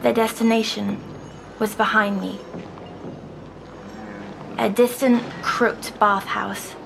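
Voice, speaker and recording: A woman, softly recounting a dream as a patient in an audio drama. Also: medium pitch, level tone, creaky, noisy background. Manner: soft, slow, dreamy recounting.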